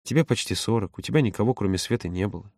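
A man voicing a grieving, resigned mother who speaks softly and sorrowfully. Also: fairly low pitch, very fast, no room sound, studio quality, pitched below the performer's own voice. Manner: soft, sorrowful, quiet. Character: grieving mother, aging woman, resigned and tender.

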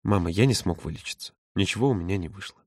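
A man's voice: low voice, no echo, studio quality, far from the mic, voice pushed down. A man voicing a tearful man near forty. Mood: choked, tearful. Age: 30s. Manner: hushed, choked, halting. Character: grown man, near forty, confessing, choked with tears.

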